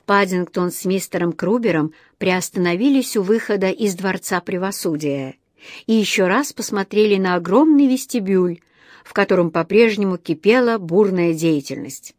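A woman narrating a children's story in a lively audiobook reading. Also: mid-range voice, normal speed, no echo, studio quality.

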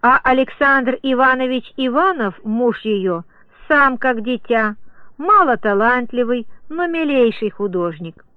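A woman with a high voice reads a diary aloud at a measured, even pace. The recording is dry and narrow-band, tinny like an old radio broadcast. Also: no echo. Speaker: reader of a diary. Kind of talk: audiobook diary reading.

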